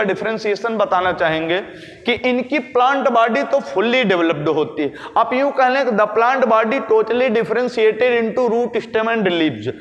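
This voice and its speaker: A man's voice: extremely high pitch, fairly bright tone, dull audio. A male biology teacher giving a lecture, asking questions and then answering them himself. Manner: explains slowly, asks and answers his own questions. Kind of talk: classroom-style lecture. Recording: echoey room with long reverb.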